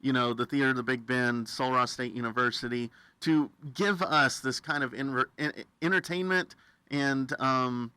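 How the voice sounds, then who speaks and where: An American radio host interviews a guest in a friendly, enthusiastic, affirming and folksy way. His medium-pitched voice is bright, forceful, clear and resonant, with fairly even intonation, a moderate pace and no echo.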